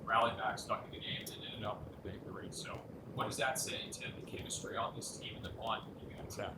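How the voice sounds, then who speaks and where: A man's voice: on the low side, brisk. A man working as a reporter, asking long conversational questions in a post-game interview, picked up from a distance in an echoey, noisy room.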